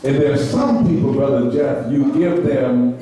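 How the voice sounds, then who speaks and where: A man's voice: mid-range voice, measured pace, a crowd in the background. A middle-aged man, a pastor, preaching a sermon from the pulpit with a handheld mic, repeating phrases and drawing responses from the congregation. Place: church sanctuary, at the pulpit. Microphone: handheld mic, filmed by a far camera. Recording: echoey church room, far-off camera. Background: congregation murmuring responses.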